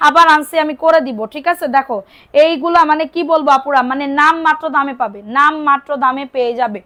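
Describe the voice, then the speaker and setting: A woman's voice: high-pitched, quick pace, pushed and bright. A young woman from Bangladesh selling clothes on a live stream, chatting with commenters and repeating prices and calls to order. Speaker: online clothing seller. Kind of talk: live-stream sales pitch.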